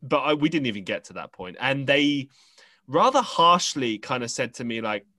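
A man's voice: medium pitch, big pitch swings, normal speed, pushed and bright, no room sound. A young man from England, a podcast host telling a story in casual conversation, rambling with many fillers and restarts.

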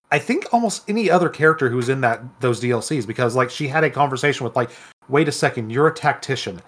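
A man with a mid-range voice, co-hosting a relaxed podcast about video games. He explains things in an easy, conversational way and picks up speed when he gets excited. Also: mid-range voice. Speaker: podcast co-host.

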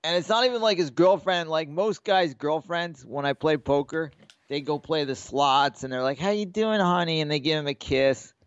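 A man co-hosting a casual betting podcast, swearing freely and slipping into quick impressions of the people in his stories. His voice sits a bit high. The recording is dry and somewhat dull, like home podcast gear. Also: smooth, dry recording. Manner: rambling storyteller, swears freely, acts out quotes. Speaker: podcast co-host. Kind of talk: casual sports betting chat.

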